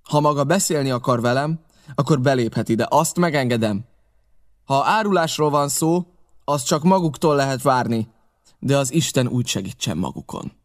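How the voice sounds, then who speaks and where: A man's voice: mid-range voice, expressive, pitched above the performer's own voice, natural voice. A man reading an audiobook, voicing a wary, commanding ship captain who barks curt orders. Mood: stern. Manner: barked orders, curt and clipped.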